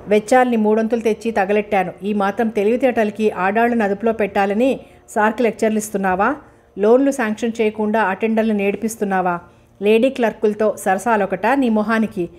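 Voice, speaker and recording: A domineering middle-aged mother berates her target with a sharp tongue, voiced by a woman reading an audiobook. The pitch sits in a middle range, and the scolding never lets up. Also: natural voice.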